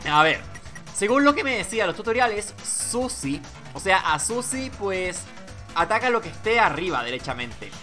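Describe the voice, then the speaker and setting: A woman giving casual let's play commentary, thinking aloud as she goes. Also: deep voice. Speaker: gamer and amateur dubber. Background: game music.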